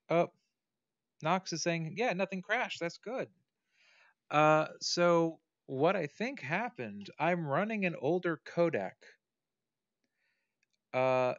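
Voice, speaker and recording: A man with a slightly high voice streams a game and talks casually to his viewers, swearing now and then, thinking aloud and frequently catching himself mid-sentence. It's let's play commentary in a dry, lo-fi recording.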